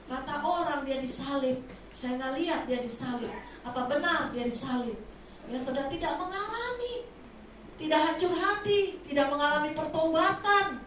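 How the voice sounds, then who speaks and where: A woman preaching a sermon from Indonesia, impassioned, swinging between soft asides and loud exclamations, in a large church hall. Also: high voice, a little hiss or hum. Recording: echoey hall from far off.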